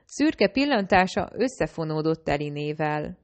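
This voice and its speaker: A woman with a fairly low voice reads an audiobook aloud. She keeps an even storytelling delivery and only lightly shades the characters' lines. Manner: reads all characters in a lightly varied own voice. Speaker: audiobook narrator. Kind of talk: audiobook narration.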